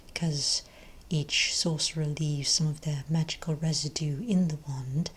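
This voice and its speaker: Playing a friendly magic shop owner in a gentle, rambling ASMR role play, a woman speaks in a soft, breathy near-whisper. Her voice is deep and steady, and she keeps a measured pace.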